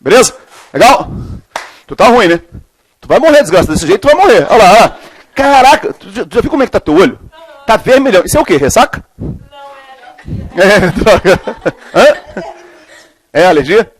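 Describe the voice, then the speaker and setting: A middle-aged man teaching a chemistry class, informal and joking, alternating slow dictation with fast, animated asides. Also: high voice, breathy edge. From Brazil. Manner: lively, informal, jokey, switches between slow dictation and fast talk. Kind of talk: classroom lecture, dictating problems.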